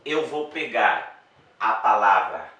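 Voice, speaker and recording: A man gives an exam-prep grammar lesson in a very echoey room, picked up from across the space. His tone is bright and forceful. He speaks slowly, repeats key words, and checks with the class as he goes. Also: on the low side, lively intonation, recorded from a distance. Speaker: Portuguese teacher.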